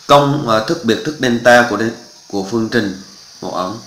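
A man's voice: medium pitch, moderate pace, fairly bright tone, roomy sound, rough recording. A male math teacher, walking through exam answers step by step and often checking that students follow. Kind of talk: exam walkthrough lesson.

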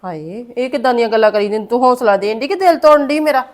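A woman's voice: a little high, expressive, fast, lightly acted. A woman with a Punjabi accent playing a blunt homeowner in a short film, firing off probing questions.

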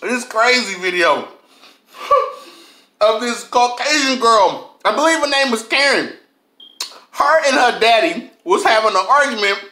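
A man in his thirties hosting an eating show from his kitchen, chatting casually in an animated, slangy way with catchphrases. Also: very high-pitched, unhurried. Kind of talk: casual mukbang chat to camera. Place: home kitchen, indoors. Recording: echoey kitchen room sound.

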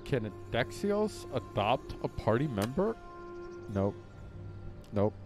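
Slow, lively-voiced man playing a strategy game. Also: medium pitch, music in the background. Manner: theatrical mock grief, bursts of loud exclamation. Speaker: let's play host. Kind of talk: casual gameplay commentary.

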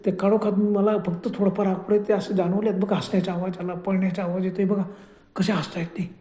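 A man's voice: high-pitched, little pitch movement, a little fast, mellow, echoey room, close to an everyday voice. A man voicing a nervous young man in a horror story, anxiously questioning his companion. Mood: uneasy. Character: nervous young man carrying cash in the dark.

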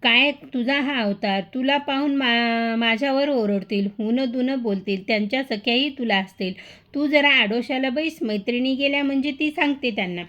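Woman playing a nervous little palace maid, high-ish, muffled lo-fi. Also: normal speed, fairly bright tone. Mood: anxious. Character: timid palace maidservant. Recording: dull lo-fi recording.

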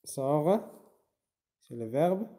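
A man teaching French verbs in a class, slow and patient, spelling out endings letter by letter and switching to to explain. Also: a little high, expressive, mellow. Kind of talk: online language class.

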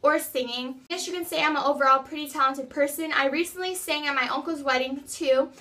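In a small bedroom, a young woman in her teens or early twenties speaks to the camera for an audition video, introducing herself as an amateur singer. Her voice is high, bright and forceful, and she talks fairly quickly in a casual, earnest manner.

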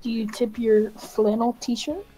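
A woman chats and teases her friends over a game call. Her voice sits in a middle pitch. Faint game music plays behind her. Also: measured pace, dark tone, low-quality recording. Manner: chatty, teasing. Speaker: player. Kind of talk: casual gaming chat.

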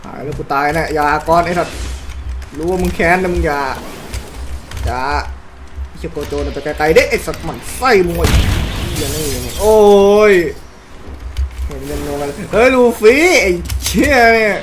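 A man giving loud, excitable gameplay commentary, swearing constantly and yelping as he plays. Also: on the high side, normal speed, long pauses, background noise. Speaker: gaming YouTuber. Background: game music.

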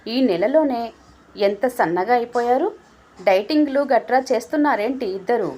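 A woman voicing a kind older mother who soothes her family, lifting her voice higher for her in a storybook reading. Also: lively intonation, normal speed, mellow. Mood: gentle caring. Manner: soothing, affectionate. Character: gentle caring older mother, peacemaker.

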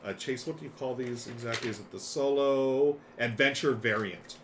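A middle-aged man hosts a board game live stream from a small room lined with games, explaining them in a casual, enthusiastic way. His voice is mid-range and his pace moderate, with clear, steady background noise throughout.

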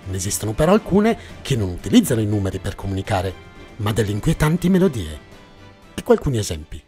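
A man narrates and hosts a scripted mystery documentary series, telling it in a suspenseful, dramatic way over background music. His voice is fairly low and warm, with a sing-song lilt and a quick pace.

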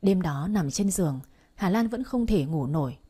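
Woman storyteller, bedtime narration, mellow voice, breathy, calm. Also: lowish voice, moderate pace.

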